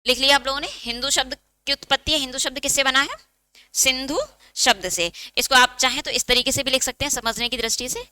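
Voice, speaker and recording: A woman's voice: high voice, steady tone, fast, few pauses, bright, forceful tone, dry recording. A woman teaching a Hindi exam-prep lecture, asking questions and answering them herself, and dictating note points.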